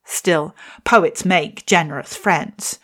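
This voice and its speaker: A woman poet and podcast host talks slowly in a somewhat low yet slightly bright voice, reflecting on her own experience and reading her poem with wry humour aimed at herself.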